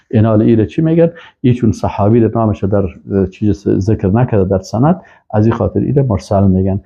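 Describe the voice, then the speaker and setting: A man's voice: on the low side, warm tone, husky. A man teaching Islamic studies, reading Arabic phrases aloud and then explaining each one with emphatic rises. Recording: dull lo-fi recording.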